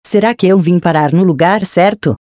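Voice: mid-range voice, moderate pace, darkish tone, no echo, studio quality, lightly acted. A narrator doing a timid lost little girl. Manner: questioning, timid. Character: young girl, lost and unsure.

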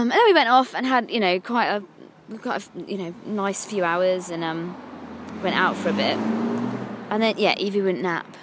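A woman in her thirties with an English accent, talking candidly to camera from a parked car, rambling and self-critical. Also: noisy background. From England. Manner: frank, rambling and self-critical, with lively swings in pitch. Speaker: vlogger. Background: passing cars.

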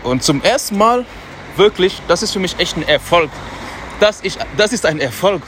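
Man, podcast host, slightly high voice, casual pep talk spoken loudly on a street, slangy asides, faint traffic hiss. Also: expressive, moderate pace. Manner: loose and self-talking, slangy asides; speaks loudly on purpose. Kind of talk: casual motivational monologue. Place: outdoors on a city street.

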